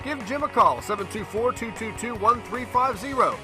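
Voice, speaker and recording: A man's voice: very high-pitched, animated, normal speed, music in the background. A man reading local business commercials with an upbeat, salesy delivery. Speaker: commercial announcer. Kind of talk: read local radio ad.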